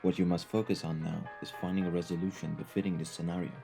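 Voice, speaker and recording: For an audio roleplay, a man voices a cultured, courteous mafia gentleman with a very low voice and vocal fry, choosing formal, eloquent words at a measured pace. He sounds intrigued, a calm menace beneath the politeness, with faint music behind him.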